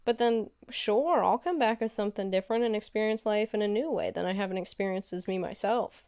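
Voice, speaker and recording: A woman co-hosting a podcast in casual chat, musing reflectively with many pauses and filler sounds. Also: medium pitch, darkish tone. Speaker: podcast co-host.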